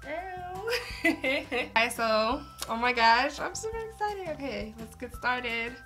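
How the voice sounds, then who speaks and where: A young woman vlogger with a slightly high-pitched voice gushes excitedly over her old art in casual chat. Her talk is full of exclamations, and clear music plays behind her. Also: slow. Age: young adult. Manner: gushing, excitable, lots of exclamations. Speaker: art channel host.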